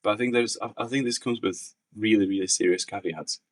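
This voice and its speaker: A young researcher from the Czech Republic speaks in a very low, slightly husky voice. He answers interview questions thoughtfully, circling back and restarting his sentences. The recording is dry and picks him up from some distance. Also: a little fast, no room sound. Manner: thoughtful, many restarts and fillers. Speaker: researcher guest.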